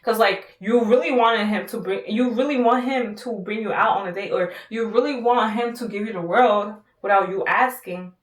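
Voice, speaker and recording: A woman talks through dating advice in a loose, rambling monologue full of fillers, slipping into little acted-out quotes. Her voice sits at a middle pitch and sounds a bit distant from the mic. The room around her is bare and echoey. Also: normal speed, hardly any pauses.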